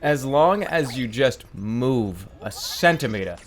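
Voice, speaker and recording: A man's voice: medium pitch, animated, slow, soft background music. A man giving casual gameplay commentary in a sarcastic, incredulous, foul-mouthed way. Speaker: gaming video host.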